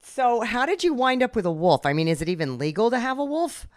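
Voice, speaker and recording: A woman's voice: a little high, sing-song, a little fast, no room sound, studio quality. A woman interviewer who asks curious, probing questions. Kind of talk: casual interview.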